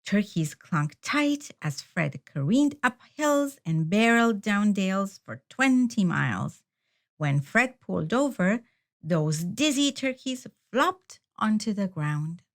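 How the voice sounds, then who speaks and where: In a mid-range voice, a woman reads a children's picture book aloud, delivering it deliberately and expressively like a storyteller.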